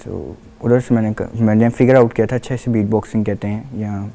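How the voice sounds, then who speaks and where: A man's voice: fairly low pitch, steady tone, creaky, dark tone. A young man, a student, interviewed as a guest on a TV morning show and giving short, hesitant answers. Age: young adult. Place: TV studio.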